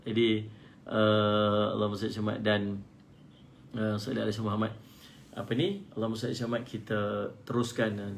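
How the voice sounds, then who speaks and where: A man with a Malaysian Malay accent giving an online religious lecture, playful and fond of mimicking loud pleading prayers. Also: vocal fry. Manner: playful, mimics shouting pleaders in high cries. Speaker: religious teacher. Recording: faint background noise, live stream.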